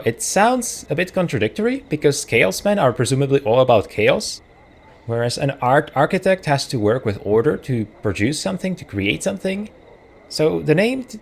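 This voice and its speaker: A native Czech speaker with a Czech accent hosts a let's play, offering casual commentary in a medium-pitched voice. He reads the game text aloud and thinks out loud, correcting himself as he goes.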